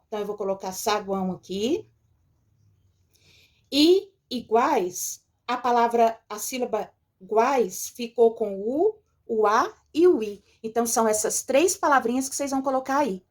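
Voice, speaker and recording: A woman's voice: fairly high pitch, expressive, measured pace. A woman teacher giving a recorded lesson from a textbook, explaining patiently and checking in with her pupils. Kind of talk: recorded remote lesson walking through a textbook.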